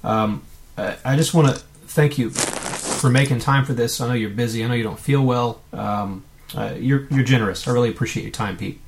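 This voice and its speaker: Male podcast host, polite and thankful, lots of soft ums. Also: mid-range voice, brisk, a little hiss or hum. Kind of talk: podcast interview.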